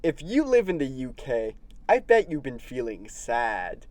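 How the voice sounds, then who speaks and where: A man's voice: medium pitch, sing-song, a little slow, background noise. A young man hosting a puppet animal news show in a loopy, goofy, punning style. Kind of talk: comedic animal news presenting.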